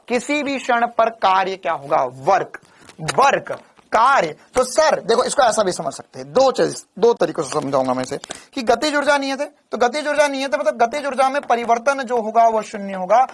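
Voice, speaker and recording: Hoarse, animated Hindi-speaking physics teacher. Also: male voice, high voice. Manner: animated, teasing, scolds students playfully, voices student replies himself. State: hoarse, voice worn from shouting. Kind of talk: live online exam-prep lecture.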